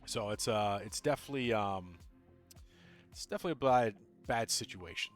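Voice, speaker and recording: A man streaming a video game, chatting casually with viewers; he talks fast, mumbles and rambles with lots of ums and uhs. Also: fairly low pitch, soft background music. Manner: tends to mumble and talk fast.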